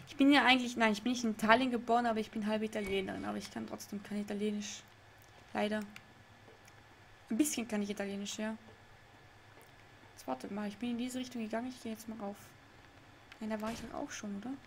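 A chatty young woman with a slightly high voice plays a game live from her room and talks with her viewers. She laughs a lot and keeps losing her way. A faint hiss sits under her voice. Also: little pitch movement, a little fast, gravelly, long pauses, fairly bright tone. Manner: chatty, laughs often, easily confused. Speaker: streamer. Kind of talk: live let's play with chat reading. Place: home room.

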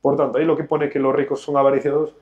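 On a studio sofa, a man who hosts a show and teaches about finance lectures emphatically during a talk show discussion, gesturing a lot. His medium-pitched voice is flat and rapid-fire, and the audio has a phone-quality sound.

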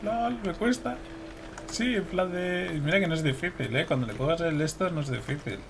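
A man's voice: on the high side, moderate pace, creaky, slight background noise. A young man with a Spain Spanish accent commenting casually on his gameplay, swearing, laughing and talking to his viewers. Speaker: gameplay streamer.

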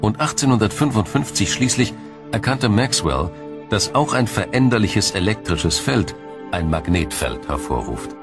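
A man with a deep, low voice narrates a scripted science documentary in a measured, explanatory way, with background music playing clearly behind him.

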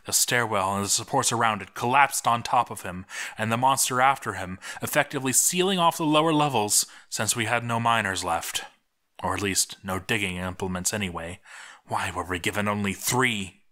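A man plays a doomed male dwarf keeping an expedition journal, bitter, sardonic, and slowly cracking into madness. He reads his entries dramatically, cursing along the way, in a forceful, bright voice that sits on the low side.

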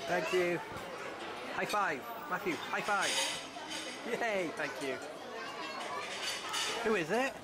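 A woman's voice: on the low side, expressive, slow pace, pauses often, very noisy. Coaxing woman filming in a crowded restaurant. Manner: encouraging, coaxing a small child. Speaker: parent filming her child. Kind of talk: casual family video narration. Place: busy indoor restaurant. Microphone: handheld camera. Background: crowded restaurant chatter.

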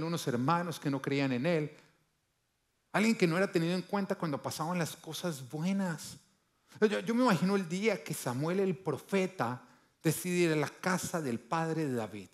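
A male pastor preaching, his voice sitting a little high for a man. He leans hard on key lines, then falls to a low, quiet delivery. He acts out the people he quotes as he goes. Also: expressive, moderate pace. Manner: emphatic, rising to loud bursts then dropping low. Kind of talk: sermon.

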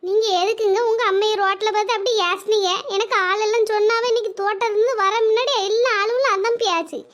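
Woman doing a squeaky high cartoon mom, scolds and lectures nonstop. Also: fairly even intonation, quick pace, a bit bright. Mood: reproachful. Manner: scolding, nagging, reproachful. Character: stern scolding village mother and wife. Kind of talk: cartoon voice acting.

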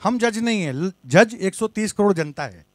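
A man's voice: high voice, lively intonation, normal speed, no room sound. A man speaking fervently in support at a press conference, combative and declarative. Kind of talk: impassioned speech.

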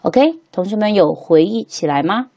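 A woman teaching English to beginners, patiently repeating each word slowly three times as she walks through a textbook lesson. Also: mid-range voice, expressive, vocal fry, mellow, husky, lo-fi sound.

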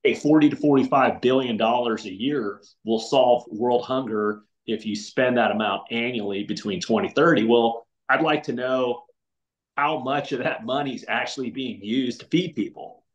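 A middle-aged man appears as a podcast guest in a casual video call chat from a home room with windows, speaking earnestly with many restarts and fillers. His mid-range voice comes at a normal speed, and the audio is dull with a roomy echo.

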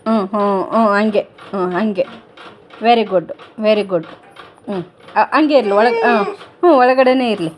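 A woman's voice: on the high side, animated, moderate pace, pauses often, a little hiss or hum. A young woman, a mother, vlogging casually at home and coaxing her small children.

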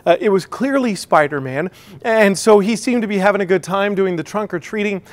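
A man's voice: high voice, a little fast. A middle-aged man with an American Midwest accent, a pastor giving a sermon in a conversational way, full of fillers and restarts.

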